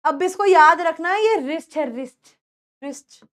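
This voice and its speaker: Young female English teacher, Indian accent, high bright pitch, patient classroom drilling of vocabulary. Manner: explains in Hindi mixed with English, repeats words slowly for pronunciation. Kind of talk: spoken English lesson for beginners.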